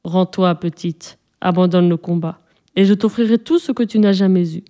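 A woman's voice: medium pitch, normal speed, a little mellow, lightly acted. A woman voicing a mocking, cruel giant. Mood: coaxing. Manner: sneering, then falsely sweet and coaxing.

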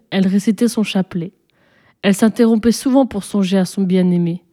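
A woman narrating a folk tale expressively, slowing and hushing her voice at tense moments. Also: mid-range voice. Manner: expressive, dramatic pacing, hushed at tense moments. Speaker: storyteller. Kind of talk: scripted story narration.

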